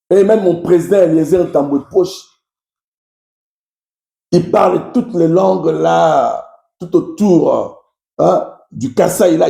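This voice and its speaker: A man from Kasai, whose first language is Tshiluba, speaks in a Congolese French accent with a fairly high, mellow voice and some vocal fry, recorded in a roomy space. He delivers impassioned political commentary straight to his followers, emphatic and repetitive as he addresses them directly.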